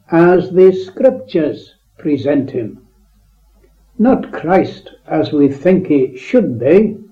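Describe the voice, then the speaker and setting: Solemn preacher guy reading his sermon out slow and measured, old muffled tape recording. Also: fairly high pitch. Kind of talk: reading a written address aloud.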